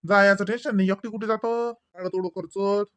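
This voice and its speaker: A man's voice: high-pitched, fairly even intonation, moderate pace, a bit bright, faint music behind. A man voicing an easygoing, penny-pinching village farmer husband in a cartoon, with a mild, placating drawl.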